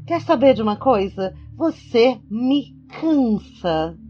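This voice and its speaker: A woman's voice: medium pitch, a little mellow, dull audio. A woman playing a snobbish, controlling middle-aged rich mother in a radio soap opera, haughty, scolding and melodramatic. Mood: scornful, irritated.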